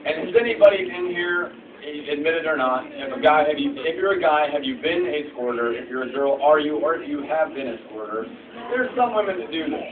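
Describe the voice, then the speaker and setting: Man, high voice, crude joking talk, profane, laughs a lot, distant tinny echoey recording, crowd noise. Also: lively intonation, fairly quick. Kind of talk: crude comedic talk to a room.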